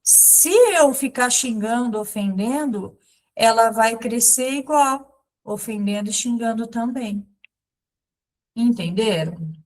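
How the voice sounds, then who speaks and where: A woman catechist in her thirties teaches in a slow, measured way. She breaks her points into short phrases with pauses and plain examples, her voice sitting a little high for a woman. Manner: slow, simple explanations with many pauses and examples. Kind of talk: catechism lesson, spoken alongside sign language.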